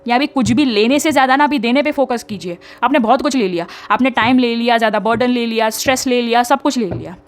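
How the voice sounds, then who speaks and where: A woman's voice: fairly high pitch, quick pace, few pauses. A young woman, giving chatty spiritual guidance as a tarot reader and often checking in with her listeners. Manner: chatty, mixes English into talk, frequent tag questions.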